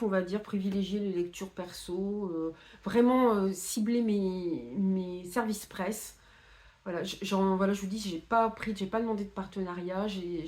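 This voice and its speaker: A woman's voice: mid-range voice, darkish tone. A woman chatting casually to camera about her reading plans, with many fillers and restarts. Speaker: book vlogger.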